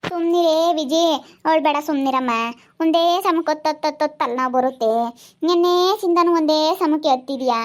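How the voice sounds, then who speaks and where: A woman's voice: sits high, brisk, lightly acted. A woman playing an older mother soothing her daughter. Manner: soothing, repeats herself. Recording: dull lo-fi sound.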